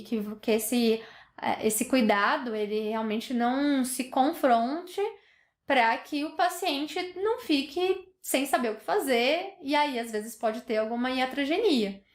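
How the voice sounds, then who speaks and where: A woman doctor with a Brazilian Portuguese accent explaining a topic in an educational talk, with many fillers and restarts. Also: high-pitched. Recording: echoey room.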